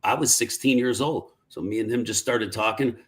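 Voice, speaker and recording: A man's voice: mid-range voice, moderate pace. A middle-aged man, a guest in a live interview, telling stories in a rambling, casual way, often repeating and restarting words.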